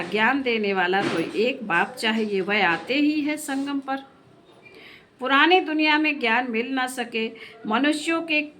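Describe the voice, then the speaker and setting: A woman's voice: fairly high pitch, fairly bright tone. A woman teaching a spiritual class, explaining a scripture reading in an earnest sermon and asking her listeners questions.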